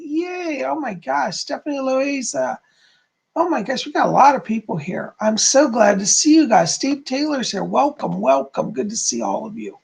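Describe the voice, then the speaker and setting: A man hosting a casual live stream as a psychic medium, excitedly greeting viewers by name. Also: very high-pitched, vocal fry.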